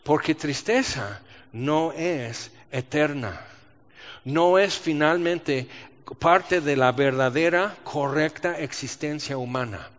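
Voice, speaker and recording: A man preaching a sermon, animated, asking rhetorical questions and acting out the voices he quotes. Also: on the high side. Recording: dull sound with long reverb in a large hall.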